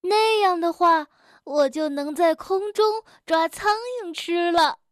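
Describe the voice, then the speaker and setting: A woman's voice: very high-pitched, slow pace, no echo, studio quality, voice pushed up. A woman voicing a clumsy, dreamy young frog in a children's storybook, in a wondering, eager way. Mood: wistful.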